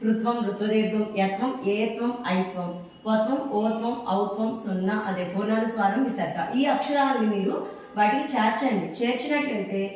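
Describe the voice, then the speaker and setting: A woman teacher drilling letter signs for children, slowly repeating each sound and asking and answering her own questions. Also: on the high side, a little mellow, recorded from a distance. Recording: very echoey room, voice away from the mic.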